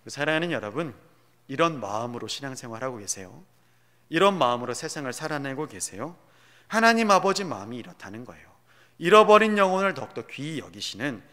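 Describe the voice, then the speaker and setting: Male pastor, sermon, earnest storyteller, slightly high, lively pitch. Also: long reverb tail. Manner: earnest storytelling with many rhetorical questions to the congregation. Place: church sanctuary.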